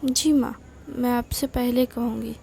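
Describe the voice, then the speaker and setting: Pouty, quarrelsome little girl from a storybook reading, fairly high and soft-toned , read by a woman. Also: steady tone, unhurried, vocal fry, slight background noise. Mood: complaining. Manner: pouty, complaining. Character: cheeky young girl, quarrelsome little sister.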